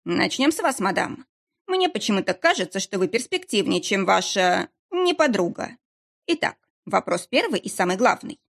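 A woman's voice: mid-range voice, big pitch swings, normal speed, vocal fry. A woman doing a mocking male interrogator. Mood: mocking menace. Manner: mocking, threatening. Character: menacing round-faced male interrogator.

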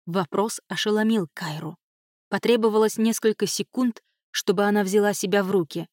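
A woman narrating a novel in a measured, even storytelling voice. Her pitch sits in the middle, and the recording is close and dry. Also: no echo. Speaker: audiobook narrator. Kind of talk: scripted narration.

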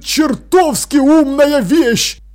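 A man voicing an excitable, bossy old mummy king who talks in loud, eager exclamations, in an audiobook. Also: very high-pitched, slow, pitched above the performer's own voice. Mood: excited.

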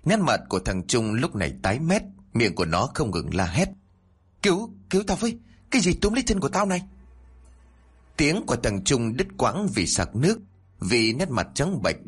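A man narrating a horror story in a scripted, expressive reading, doing all the voices. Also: fairly low pitch, husky.

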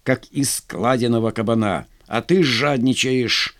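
A man's voice: mid-range voice, a little slow, fairly bright tone, dry recording, clean studio sound, lightly acted. A man voicing a wounded older painter who grumbles with sardonic humor in an audiobook. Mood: reproachful. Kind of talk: audiobook character voice.

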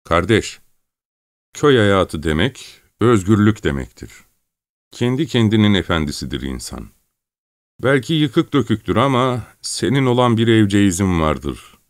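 Gruff, proud tramp as the narrator puts him on, deep and dry. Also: male voice, very animated, a little slow, dry recording. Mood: wistful. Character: hardened male vagabond, proud and hot-tempered.

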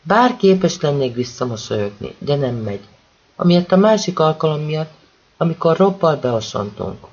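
A man reading a novel aloud as an expressive first-person narration. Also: fairly high pitch, highs cut off. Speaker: audiobook reader.

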